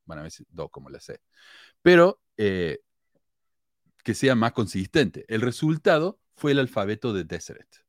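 A man's voice: on the low side, big pitch swings, measured pace, no echo, clean studio sound. A man with an Argentine Córdoba accent hosting a podcast, explaining a topic in a chatty, blunt way with the odd swear word. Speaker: podcast host. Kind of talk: casual explanatory podcast talk.

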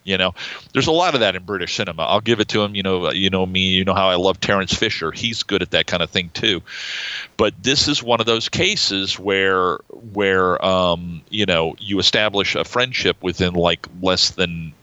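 A man's voice: sits low, normal speed, pushed and bright, muffled recording. A man co-hosting a casual film podcast, talking in a rambling way with many fillers and restarts. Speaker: podcast co-host.

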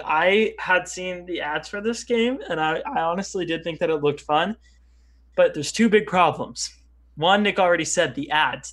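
Teenage boy, podcast co-host, casual chat, bright tense voice, blunt. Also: on the high side. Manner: blunt, argumentative.

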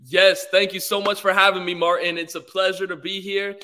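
A young Englishman appears as a podcast guest in a casual interview, speaking politely and easygoingly with lots of filler words. His high-pitched voice has a sharp tone, a flat delivery, and a slightly fast pace.

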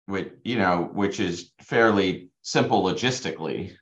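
A man's voice: deep voice, measured pace, dull audio. A man hosting a casual webinar interview, asking probing questions and offering short affirmations.

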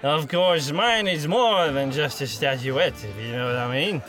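A man voicing a loud, tactless drunk shopkeeper who slurs and bellows his words. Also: a little high, faint music behind, voice pushed up. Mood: drunken bluster. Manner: slurring, bellowing, drawn-out words.

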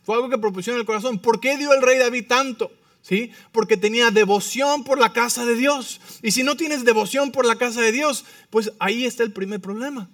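A male pastor in his thirties delivers a lively sermon and keeps checking in with his listeners. His voice sits high for a man. The sound is dry and picked up from a bit away from the mic. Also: fairly quick, dry recording, distant mic. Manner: animated preaching, frequent "¿sí?" check-ins.

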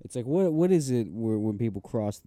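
A man's voice: medium pitch, animated, moderate pace, mellow, dry recording. A man co-hosting a podcast in casual comedic chat, riffing with plenty of profanity. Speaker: podcast co-host.

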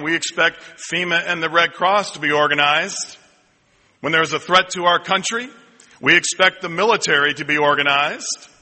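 A male senior pastor delivers his sermon in a bright, ringing tone that sits a little high. His preaching is conversational and humorous, full of asides to the congregation. A long hall reverb trails behind every phrase. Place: church sanctuary.

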